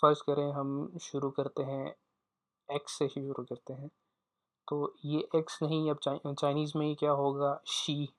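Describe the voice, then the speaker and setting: Slow, deliberate male language teacher. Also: on the high side, monotone, fairly bright tone. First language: Urdu. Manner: slow, deliberate, repeats each sound for practice. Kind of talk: pronunciation lesson.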